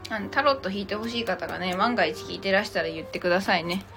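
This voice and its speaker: A woman's voice: medium pitch, quick pace. A woman hosting a casual tarot livestream, chatting playfully with commenters and switching between polite and teasing casual speech. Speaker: livestream host and tarot reader. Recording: music playing behind the voice. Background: music.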